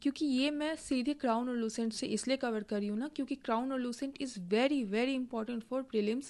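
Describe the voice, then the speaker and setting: A woman teaching an exam-prep lesson, speaking slowly while she writes and asking and answering her own questions. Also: high-pitched, darkish tone. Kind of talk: recorded online lesson, Hindi with English.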